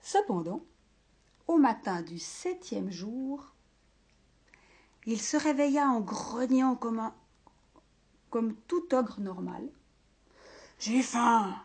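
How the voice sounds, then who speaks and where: A woman reads a picture book aloud to a listening audience, at an unhurried pace and with a fairly high voice. Her reading is expressive, and she drops now and then into whispered asides. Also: slightly rough.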